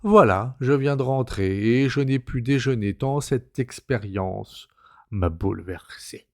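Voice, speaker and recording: A man narrating a classic novella in an expressive, dramatic reading style. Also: mid-range voice, a little slow. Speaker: narrator, reader.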